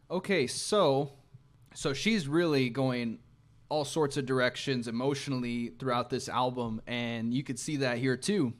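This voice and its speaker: Thoughtful man breaking down songs. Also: medium pitch. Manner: thoughtful, analytical, occasional restarts. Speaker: music reaction host. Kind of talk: reflective song breakdown.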